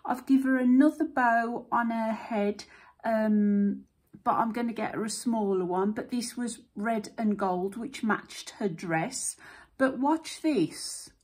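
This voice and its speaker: A woman speaks in a slightly high, husky voice, taking her time over every word. She chats casually to her viewers at home, thinking aloud with plenty of fillers as she shows off small things. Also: slow, darkish tone. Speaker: vlogger. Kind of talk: casual chat.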